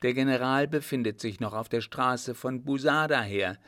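A man's voice: medium pitch, moderate pace, fairly bright tone, dry recording, clean studio sound, close to an everyday voice. A man voicing a young officer who bursts in with urgent news, speaking formally. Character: young male officer, breathless messenger.

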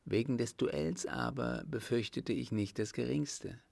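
Earnest young french lady, man reading her a bit higher, slow careful lines, gravelly dry voice. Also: darkish tone, no echo.

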